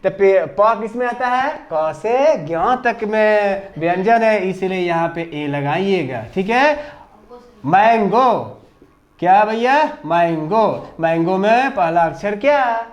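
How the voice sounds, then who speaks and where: A man's voice: high voice, expressive, slow, dull audio. A man teaching English grammar to a class, with a Hindi accent, drilling pupils with repeated questions and answers. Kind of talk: classroom lesson.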